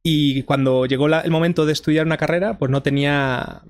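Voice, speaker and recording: A man's voice: on the high side, fairly even intonation, fairly quick, dry recording. Young man with a Madrid accent. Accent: Madrid Spanish. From Spain. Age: young adult. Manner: explanatory, with frequent restarts. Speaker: guest, fusion physicist. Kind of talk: casual interview.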